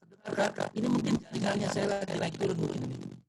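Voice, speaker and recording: Middle-aged guy on a glitchy video call, voice breaking up and cutting out, pitch jumping all over. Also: wildly swooping pitch, fast, gravelly, heavy background noise. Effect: breaking-up video call audio, dropping out. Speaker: university admissions guidance speaker.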